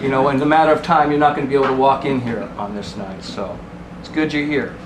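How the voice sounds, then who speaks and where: A man's voice: medium pitch, fast. Man, boastful, chatty, casual introduction, echoey room, noisy background. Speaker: participant at a storytelling circle.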